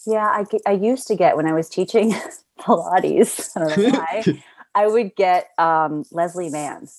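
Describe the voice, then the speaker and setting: A woman's voice: lowish voice, measured pace, darkish tone, dry recording. Chatty upbeat woman, dry close sound. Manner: chatty, upbeat, laughs easily. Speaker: actor. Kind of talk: casual chat. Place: Los Angeles area.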